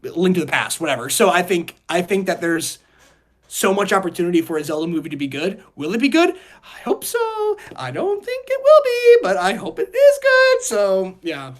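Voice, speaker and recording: With a high voice that swings hugely in pitch, a podcast co-host chats at a moderate pace about movies and games. His opinions come out rambling and casual, heavily hedged with "like."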